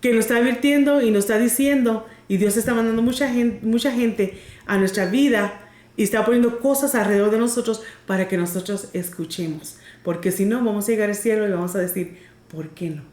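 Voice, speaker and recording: A woman podcast host telling a faith story with animated, preachy energy. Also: mid-range voice, a little fast. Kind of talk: casual faith talk with storytelling. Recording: echoey room.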